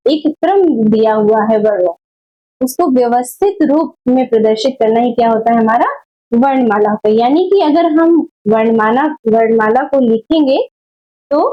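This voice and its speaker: A woman teaching a Hindi grammar lesson, explaining slowly and deliberately and correcting common mistakes. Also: on the high side, lo-fi sound. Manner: slow, deliberate explaining with repeated checks; corrective, scolding about wrong teaching. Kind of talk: exam-prep grammar lesson.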